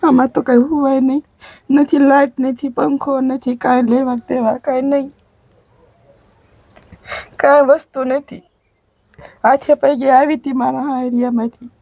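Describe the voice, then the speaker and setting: A woman speaks through tears, halting and pleading. Her voice sits high but has a husky, mellow tone. The recording is close and dry. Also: flat delivery, no room sound. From Gujarat. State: crying. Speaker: interviewee, widowed mother. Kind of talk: emotional testimony.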